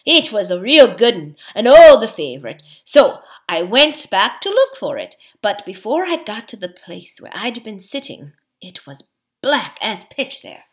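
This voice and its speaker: A woman's voice: medium pitch, sing-song, unhurried. A woman voicing a loyal male dwarf who recounts events in a frank, homely way. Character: gruff plain-spoken male dwarf, loyal.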